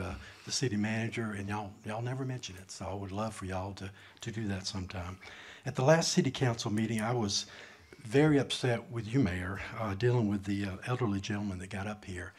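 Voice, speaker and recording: A man making a public comment, speaking slowly and haltingly. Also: lowish voice, husky. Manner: slow, halting speech. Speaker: citizen speaking at public forum. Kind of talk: public comment from handwritten notes. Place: council meeting room.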